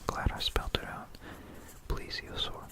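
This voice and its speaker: At normal speed, an ASMR host recounts history in a breathy, unvoiced whisper right up close to a binaural microphone. The telling meanders, with playful asides to the listener.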